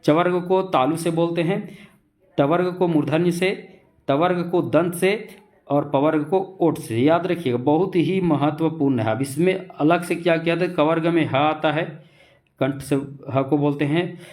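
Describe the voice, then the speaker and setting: A man teaching an exam-prep grammar lesson, speaking slowly and repetitively, asking questions and answering them himself, and drawing out letter sounds as examples. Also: a little high, a little mellow. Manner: slow and repetitive, keeps asking and answering his own questions; stretches out letter sounds when demonstrating.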